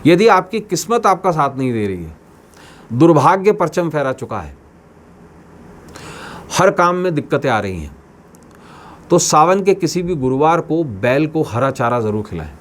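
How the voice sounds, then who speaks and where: A man's voice: a little high, sing-song, moderate pace, long pauses, a little hiss or hum. A man hosting his own channel as an astrologer, addressing viewers in a scripted talk with emphatic, repeated phrases. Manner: declaiming, with emphatic repetitions. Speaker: astrologer host.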